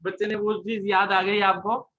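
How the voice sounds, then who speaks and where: Male host, high and bright voice, muffled lo-fi audio; prods the guests along. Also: level tone, moderate pace. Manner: encouraging, prompting others. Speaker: discussion host. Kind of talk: casual group discussion.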